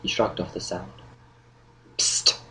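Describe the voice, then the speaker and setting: A man reading an audiobook novel in steady, measured narration. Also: sits low, gravelly, rough recording. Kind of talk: scripted narration.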